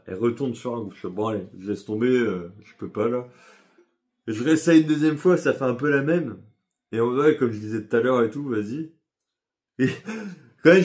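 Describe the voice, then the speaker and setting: A man's voice: mid-range voice, darkish tone. A young man telling a story in a casual vlog, rambling and slangy, with lots of fillers and self-corrections. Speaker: vlogger.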